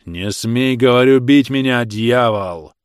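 A defiant peasant man hurling slow, heavy accusations in a raised voice, as a male narrator voices him. Every word sounds forceful and close, with a dry sound and no room echo. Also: mid-range voice, close to an everyday voice.

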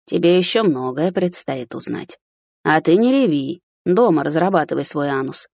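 A sly older man, voiced by a woman reading an audiobook, drawls his lines slowly, teasing and unhurried. The voice sits low and a little husky. It is recorded dry and close. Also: expressive, darkish tone, no room sound, exaggerated voice. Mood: mocking.

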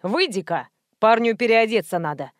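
Audiobook: a woman doing a brusque male film director, curt and commanding, rather high voice. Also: animated, normal speed, dry recording, studio quality, natural voice. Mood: bossy. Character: rude bossy male low-budget film director.

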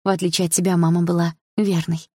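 A woman with a fairly low, level, darkish voice reads an audiobook quickly, voicing a young woman who tearfully and bitterly confronts her jailed father, pleading with him, then later turns playful and teases her brother. The natural-sounding, studio-quality recording has no room sound.

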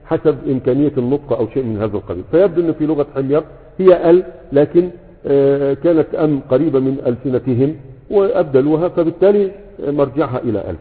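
A man with an Egyptian Arabic accent gives a brisk grammar lecture, talking fast and often breaking off to check that his students follow with quick questions. The sound is tinny and narrow, as if over a phone line, with a long echo around it. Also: on the high side. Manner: keeps checking in with rhetorical questions. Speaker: grammar teacher. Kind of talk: lecture with a class.

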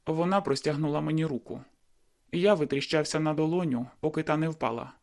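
Guy reading a first-person audiobook, slightly high voice, moody and inward. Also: a little fast, gravelly, a little mellow. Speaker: audiobook narrator.

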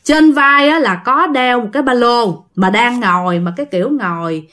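A woman hosts her channel and tells listener ghost stories in a loose, chatty flow. She speaks to her audience directly in a somewhat high voice. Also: normal speed, a bit bright. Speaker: storyteller and channel host. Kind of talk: casual ghost-story narration.

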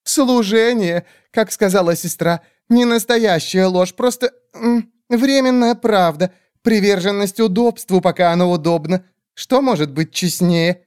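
A man reading an audiobook, voicing a tiny skeletal female dragon-bird, greedy and cowardly, in a shrill squawk. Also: measured pace, few pauses, a little mellow, smooth, no room sound, clean studio sound. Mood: whining.

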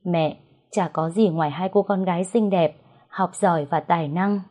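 Brief: a woman reading a dying storybook mother, slow and soft-spoken, low mellow voice. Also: close to an everyday voice. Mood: tender. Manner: slow, tender pleading, turning harsh in anger. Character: gravely ill mother, gentle but stern.

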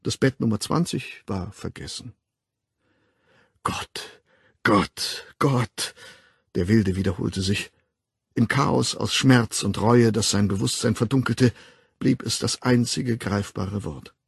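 A man reading a novel aloud as an audiobook narrator in a measured, expressive way. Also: on the low side, gravelly, slightly rough, no echo, studio quality.

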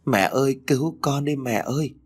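A man's voice: medium pitch, normal speed, husky, pitched above the performer's own voice, natural voice. Figure: a man voicing a wailing young ghost woman. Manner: wailing, pleading. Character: bloodied ghost of a young woman begging for help.

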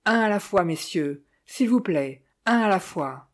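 A woman voicing a small male grey parrot with a hoarse, strange squawk, as in an audiobook. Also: medium pitch, expressive, measured pace. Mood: solemn.

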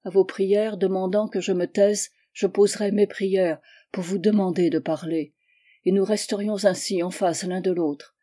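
A woman's voice: lowish voice, natural voice. A woman reading as an insistent young lover. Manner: forceful, pressing. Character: insistent passionate young man declaring love. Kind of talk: audiobook reading of a novel.

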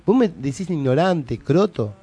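Husky and warm, this fairly high male voice has lively intonation and a measured pace. He's a young radio co-host with an Argentine Rioplatense accent, using relaxed slang to tell a story where he acts out both people in an argument.

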